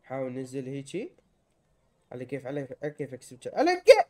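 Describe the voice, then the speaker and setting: A young man with an Iraqi Arabic accent gives excitable let's-play commentary and often yells in panic while playing. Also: mid-range voice, fast, noisy background. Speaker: gamer.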